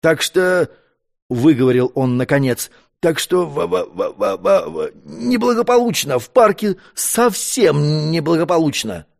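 A man's voice: high voice, expressive, normal speed. A man voicing a frightened household butler who stammers as he reports in a storybook reading. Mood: flustered.

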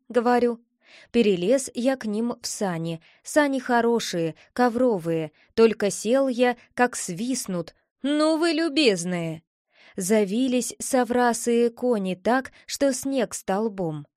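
A woman reading children's stories aloud in a measured, plain storytelling manner. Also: a little high, a little mellow, dry recording, clean studio sound. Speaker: reader.

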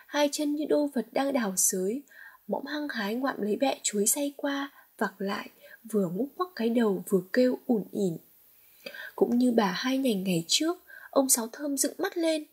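A woman reads a storybook aloud as an audiobook narrator. Her voice is very husky and breathy, and often drops to a whisper. It sits a little high. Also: a little mellow.

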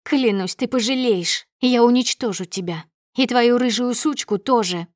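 A woman voicing a shrill, furious young wife. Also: moderate pace, a little mellow, no room sound, clean studio sound, natural voice. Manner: shrieking, hissing threats. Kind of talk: audiobook character voice.

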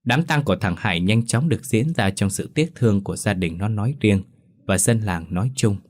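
A man with a fairly low voice narrates a ghost story in the first person. He tells it in a steady, measured storytelling voice.

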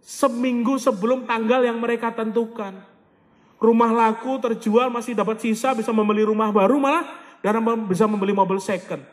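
A man giving an animated motivational sermon, dropping in Javanese and Arabic phrases and acting out people praying. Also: high voice. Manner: animated, acts out voices of people praying and pleading. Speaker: motivational preacher. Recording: long hall reverb.

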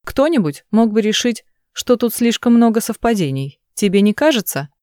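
A woman's voice: a little high, sing-song, normal speed, dark tone, dry recording, pitched above the performer's own voice. A woman reading the lines of an angry, controlling young man who snaps and defends himself, in a dry voice. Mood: angry defensive. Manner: snapping, defensive.

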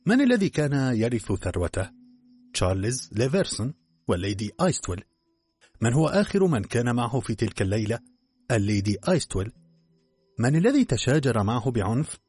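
A man doing a calm, shrewd detective. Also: medium pitch, slightly rough, faint music behind. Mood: reflective. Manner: slow and reflective.

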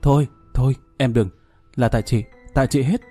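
A man's voice: mid-range voice, a little fast, warm tone, slightly rough, soft background music, close to an everyday voice. A man reading the part of an anxious, pleading young woman in a spoken ghost story. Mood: tearful. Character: young woman, scheming then tearful and remorseful.

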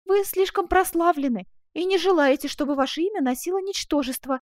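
A woman voicing a jealous, tearful young woman who pleads with her master in an audiobook, speaking high and emotionally. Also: animated, fairly quick, a little mellow, no echo, clean studio sound. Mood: tearful pleading.

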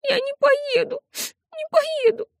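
A woman voicing an upset, tearful little girl in a high, pleading voice. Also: a little slow, vocal fry, no room sound, clean studio sound, full character voice. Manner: high, pleading, on the edge of tears.

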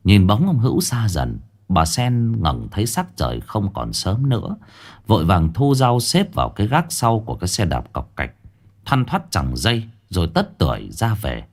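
Brief: male ghost story narrator, lower voice, vivid storytelling with a wide melody. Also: huge pitch swings, moderate pace, darkish tone.

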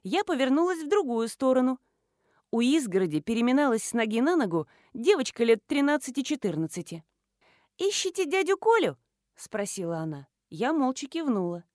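A woman reading an audiobook in a scripted narration style, expressive and wryly ironic. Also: on the high side, brisk, dry recording, studio quality.

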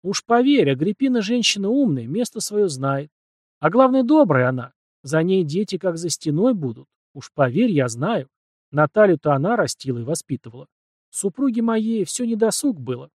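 A man voicing a gruff, bearded old prince who speaks sternly and with authority. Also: high-pitched, very animated, moderate pace, a little mellow, dry recording, clean studio sound, voice pushed up. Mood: weary. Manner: stern and commanding.

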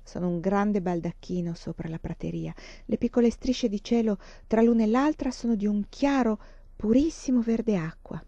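A woman reading the lines of a thoughtful fifteen-year-old girl describing a sunset to her sister, calmly. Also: medium pitch, moderate pace, no room sound, natural voice. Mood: tender. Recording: dull lo-fi dry recording.

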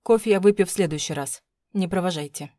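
A woman's voice: on the low side, fast talker, warm tone, no echo, studio quality, lightly acted. A woman reading an audiobook, voicing a controlling, menacing husband who coaxes and threatens. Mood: coaxing, menacing. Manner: smooth, coaxing, then threatening through teeth. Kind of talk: audiobook narration.

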